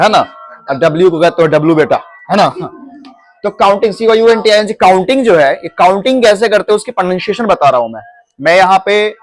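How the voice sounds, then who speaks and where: High-voiced teacher drilling a class. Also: male voice. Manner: repeats his own questions to drill the class; addresses students as "beta". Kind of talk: classroom pronunciation lesson. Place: classroom with students.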